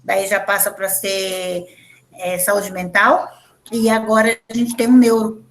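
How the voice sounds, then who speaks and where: A woman's voice: medium pitch, flat delivery, slow pace, low-quality recording. A woman taking part in a casual online class, chatty and adding details with frequent tag questions, over a video call. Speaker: class participant.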